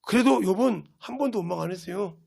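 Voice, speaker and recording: A male pastor preaching a fervent, scolding sermon that often bursts into shouts. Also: high voice, quick pace, vocal fry, breathy edge. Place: church, livestreamed service.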